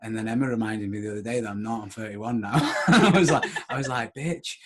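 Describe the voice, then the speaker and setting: A man's voice: fairly low pitch, brisk, a crowd in the background. A man in his thirties hosting a podcast, rambling and self-mocking, laughing often. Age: 30s. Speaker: podcast host. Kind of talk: casual podcast chat.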